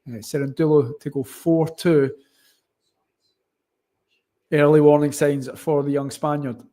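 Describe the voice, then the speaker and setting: A man's voice: a little high, flat delivery, measured pace, warm tone. A man with a broad, thick Scottish accent hosting casual live tennis commentary, wordy and often rewording himself mid-sentence. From Scotland. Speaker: watchalong stream host and commentator.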